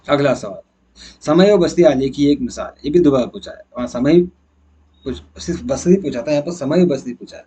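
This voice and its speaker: A male teacher with a medium-pitched, dark, slightly rough voice works through exam questions one by one. Walking through the answer key, he asks and answers his own questions as he explains.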